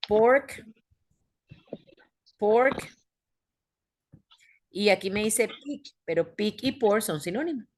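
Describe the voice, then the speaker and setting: A woman's voice: medium pitch, expressive, slow, long pauses. Patient woman teacher explaining step by step. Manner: patient, explains step by step, asks the class questions. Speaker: English teacher. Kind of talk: online class teaching.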